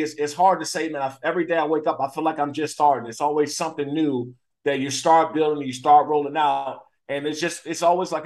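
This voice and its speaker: A man guesting on a talk show as an athlete and entrepreneur, talking in a relaxed, rambling way. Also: a little high. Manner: relaxed, rambling, says "man" and "you know". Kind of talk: casual interview chat.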